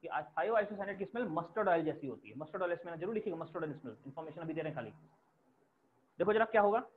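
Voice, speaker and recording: A man's voice: fairly high pitch, lively intonation, rapid-fire. A male chemistry teacher lecturing a class, explaining step by step and repeating key terms for students to write down. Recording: tinny phone-like lo-fi recording.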